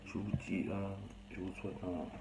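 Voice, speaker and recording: A man's voice: deep voice, level tone, normal speed, echoey room. Blunt, rambling Cameroonian man, noisy recording. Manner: rambling, blunt, slangy, trails off. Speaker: vlogger. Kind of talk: casual monologue to camera.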